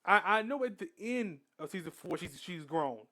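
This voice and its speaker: A man's voice: high voice, animated, moderate pace, bright, forceful tone. A young man hosting a reaction video, chatting casually and often restarting his sentences. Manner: chatty, restarts often, keeps saying "bro".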